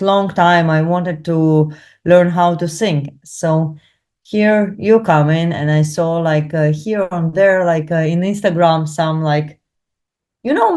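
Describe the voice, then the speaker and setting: A young woman for whom English is a second language, and whose first language is not Hebrew either, talks in a low, mellow voice about her Hebrew course in a casual testimonial interview. She pauses to find words and fills gaps with lots of "um" and "like."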